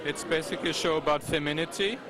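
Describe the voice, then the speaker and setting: A man with a slightly high voice gives informal interview answers as an artist. He explains haltingly and hesitantly, with a loud crowd chattering around him. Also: steady tone. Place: public art gallery, indoors.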